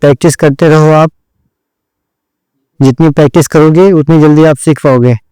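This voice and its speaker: A man's voice: on the high side, steady tone, moderate pace, warm tone, smooth, dry recording, rough recording. A man teaching an online shorthand lesson, explaining each step and repeating "theek hai" after every point as he addresses his students directly. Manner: drills points over and over.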